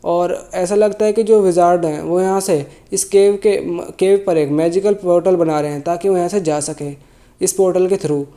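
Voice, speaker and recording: At a normal speed and with fairly even intonation, a man with a high, warm voice casually recaps a manhwa. A sore throat has him feeling unwell. He often corrects himself and rephrases mid-sentence in his loose narration.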